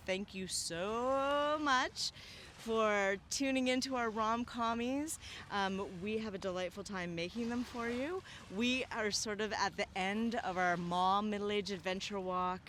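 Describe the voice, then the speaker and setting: Animated middle-aged woman walking outdoors. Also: slight background noise. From Canada. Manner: animated, jumping to high voices when quoting lines. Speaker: podcast co-host. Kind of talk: casual walking podcast chat. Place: outdoors on a city walk.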